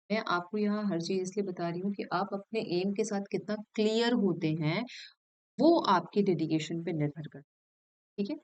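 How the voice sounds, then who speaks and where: A woman in her thirties with a lowish, smooth and resonant voice speaks to camera in an advice vlog. She sounds earnest and direct as she addresses her viewers, now and then stopping to correct or restart a phrase. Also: darkish tone, poor audio. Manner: thinks aloud with frequent hesitations and self-corrections. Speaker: assistant professor giving career advice.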